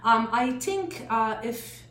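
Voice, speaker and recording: Slow-talking Maltese-accented woman in an echoey room. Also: on the high side, lively intonation, a bit bright. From Malta. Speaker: real estate agent, interview guest. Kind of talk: casual interview answers. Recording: echoey room, faint noise.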